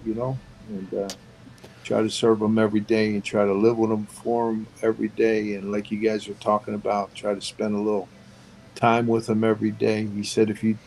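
A man's voice: fairly low pitch, fairly quick, slight background noise, poor audio. A middle-aged man from Pennsylvania, a guest chatting easily in an interview, often tacking "man" onto his sentences. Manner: easygoing, relaxed, often ends phrases with "man". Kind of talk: casual interview chat.

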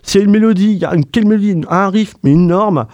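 A man's voice: high voice, fast talker, a little mellow, no echo, lo-fi sound. A man hosting a radio music show, reviewing an album with effusive praise, many fillers and repeated superlatives. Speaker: radio host. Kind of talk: enthusiastic music review chat.

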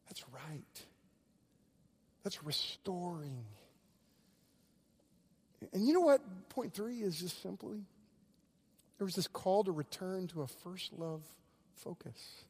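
Man, middle-aged, pastor giving a sermon, high voice, animated storytelling, restarts, loud then hushed. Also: slightly rough.

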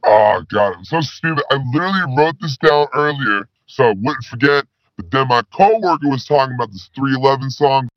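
In a comedy call-in sketch, a man plays a slacker spy who phones in with his voice pitched down, rambling laid-back in stoner slang. His delivery is brisk and lively, with few pauses. The call sounds dull and lo-fi, with no room sound.

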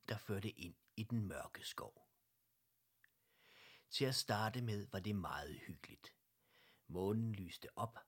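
A man reading a children's story aloud, gently and slowly, sometimes dropping to a whisper. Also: fairly low pitch, slightly rough. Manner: gentle, slow, slips into whispers.

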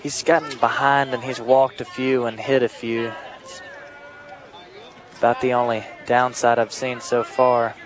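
Even-toned man doing baseball color commentary. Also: mid-range voice, a little slow, long pauses. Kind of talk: live sports commentary, analysing plays. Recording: outdoor ballpark, crowd and music behind. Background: ballpark crowd and music.

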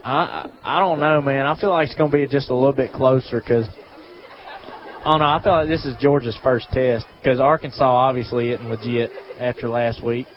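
A man giving casual play-by-play commentary on a high school football game, with folksy phrasing. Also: steady tone, brisk, slight background noise. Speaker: play-by-play announcer. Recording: muffled lo-fi broadcast with faint crowd.

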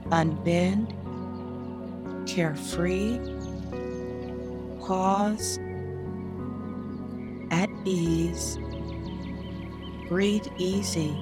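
A woman podcast host narrating a guided meditation like a sleep story, soothing and unhurried, leaving pauses between short phrases. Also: lowish voice. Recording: new-age music behind the voice. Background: calm new-age music.

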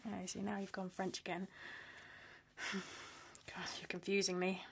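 An actress playing an unnerved, exasperated wife in a naturalistic drama, dry and brittle with sighs. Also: female voice, mid-range voice, completely flat delivery, moderate pace, creaky, a little hiss or hum, natural voice. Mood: weary, unnerved.

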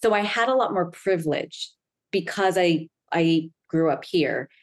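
A middle-aged woman with a slightly low voice tells her story earnestly as an interview guest. She talks fluently and keeps checking in with her listener by asking "right?". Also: animated, a little slow. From United States. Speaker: guest, anxiety coach. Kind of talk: conversational interview.

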